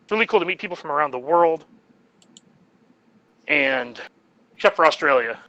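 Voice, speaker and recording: A man's voice: on the high side, animated, moderate pace, sharp tone, no echo, lo-fi sound. A man co-hosting a podcast in casual chat, rambling and jokey. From United States. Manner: rambling and jokey, laughs at his own jokes. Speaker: podcast co-host.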